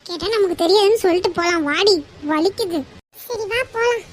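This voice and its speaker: A woman voicing a group of young women in an animated cartoon, bickering and teasing each other. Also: extremely high pitch, brisk, slight background noise. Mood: quarrelsome. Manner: quarrelsome, teasing. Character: young women friends bickering with office bullies.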